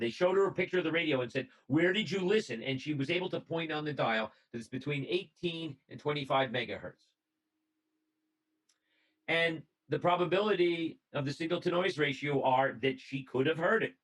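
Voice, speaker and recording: A man speaking in a fairly high voice presents to a radio club over a video call. He tells the story in a loose, conversational way, reads out notes, and restarts a phrase now and then. The sound comes through a computer mic. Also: rough recording.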